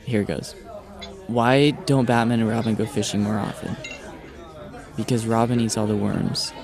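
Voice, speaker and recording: A man's voice: on the low side, fairly even intonation, moderate pace, darkish tone, a faint crowd. A man casually telling a short joke in a self-deprecating way.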